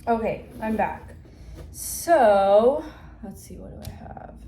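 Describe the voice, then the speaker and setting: Slow and expressive, a warm medium-pitched woman rambles through a vlog about her shop, often using fillers and correcting herself. The setting is an upstairs room in her home; a phone or camera mic picks up echo and faint background noise.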